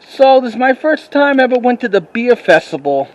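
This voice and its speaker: A man narrating a walking tour outdoors on a town street, rambling and halting with many restarts, recorded on a handheld camera as he walks. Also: very high voice, big pitch swings, highs cut off. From New York City. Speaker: vlogger. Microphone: handheld camera while walking.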